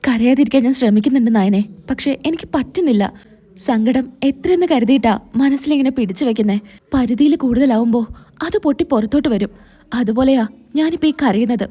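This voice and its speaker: A woman's voice: fairly high pitch, fairly quick, dark tone, husky. A woman reading a hurt pregnant wife. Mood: sorrowful. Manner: pleading, reproachful.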